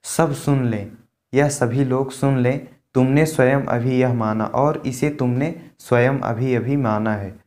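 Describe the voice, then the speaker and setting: A man teaching a poetry lesson, reading each verse aloud and then unpacking it in plain words. He speaks in an unhurried, measured way, with a voice of ordinary middle pitch. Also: steady tone, darkish tone. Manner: reads a verse line, then explains it slowly in plain words. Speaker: Hindi literature teacher. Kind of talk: line-by-line poetry explanation lesson.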